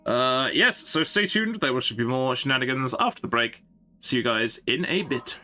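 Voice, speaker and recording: A man streaming a game, chatting to his viewers with a bright, forward tone. His pitch jumps around animatedly as he rambles and thinks aloud. Faint music plays underneath. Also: lively intonation, moderate pace. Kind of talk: casual live-stream chat.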